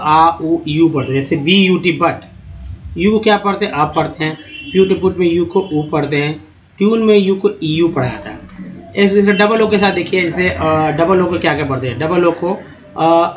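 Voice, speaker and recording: A man teaching a slide-based language lesson as a voice-over, slowly spelling words out letter by letter and calling his viewers friends. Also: high voice. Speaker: English teacher.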